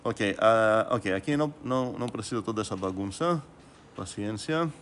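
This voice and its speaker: A man's voice: lowish voice, expressive, moderate pace, fairly bright tone, slight background noise. A man giving a recorded math lecture, thinking aloud with many fillers and restarts and putting questions to the class. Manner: asks students rhetorical questions.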